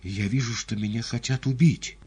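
Male reader as a gentle beaten prisoner: earnest, low, husky. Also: big pitch swings, moderate pace, heavily acted.

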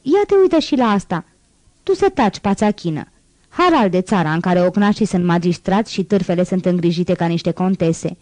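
A woman's voice: fairly low pitch, lively intonation, no room sound, natural voice. A woman reading an audiobook voices a harsh, bullying male police inspector who barks contemptuous orders. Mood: barking. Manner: barking, contemptuous shouts.

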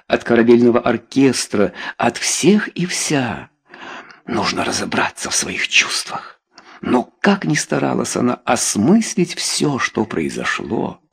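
A man reading a romance novel aloud as an audiobook, in a measured, dramatic storytelling manner. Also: medium pitch, vocal fry, slightly rough. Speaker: audiobook reader. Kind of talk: scripted narration.

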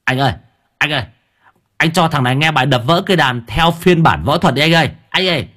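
A man's voice: a little high, fast talker, sharp tone, slightly rough, voice pushed up. A man voicing an eager, dim-witted young male sidekick with a whiny, pleading way of talking.

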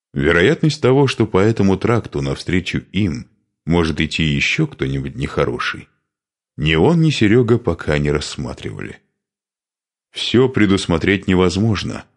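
Very deep-voiced male audiobook narrator.

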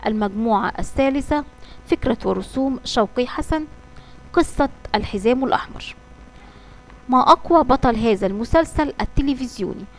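Lady reading a kids story aloud, clear and steady, fairly high voice. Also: low-quality recording. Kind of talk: scripted children's story narration.

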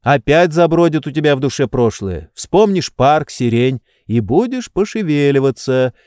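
A man voicing an energetic, warm-hearted male friend in a storybook reading, speaking earnestly and persuasively. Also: on the high side, moderate pace, no room sound, studio quality, voice pushed up.

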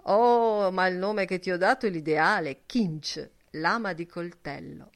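Reading an audiobook in a lowish, unhurried voice, a woman plays a jovial young man who teases and mock-preaches. Her delivery is boisterous, teasing, and full of mock sermonizing.

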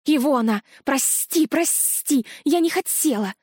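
A woman's voice: on the high side, lively intonation, measured pace, no echo. A woman voicing a fussy, motherly ghostly dragoness guardian who scolds and dotes, in a dry, close storybook reading. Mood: remorseful. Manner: strict then doting, scolding.

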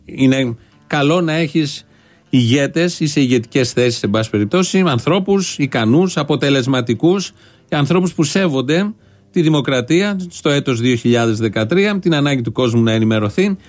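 A man's voice: mid-range voice, animated. A man hosting a satirical show, giving ironic, mock-serious commentary and repeating phrases for effect. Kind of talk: sarcastic commentary.

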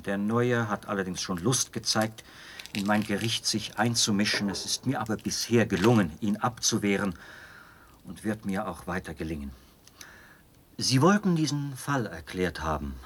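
In a German radio drama, a male actor plays a zealous young officer and judge of a penal colony, explaining things in precise, formal standard German. His exaggerated voice is husky, fairly low, and a bit bright.

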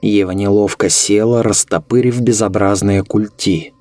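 A man narrating a horror story in a measured, ominous way. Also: on the low side, steady tone, darkish tone, no echo, soft background music.

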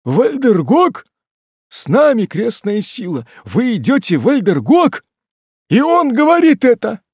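An excitable old fisherman, as a male reader puts him on, exclaiming in a high, wide-ranging voice with a gravelly rasp. He is superstitious and quick to alarm. The audiobook recording is dry and close. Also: no echo, full character voice. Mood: aghast.

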